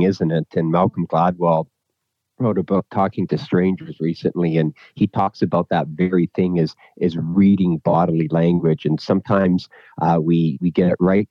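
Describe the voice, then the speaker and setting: A man's voice: low voice, no room sound, muffled recording. A man speaking as a podcast guest, thoughtful and hesitant, with many restarts. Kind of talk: conversational interview.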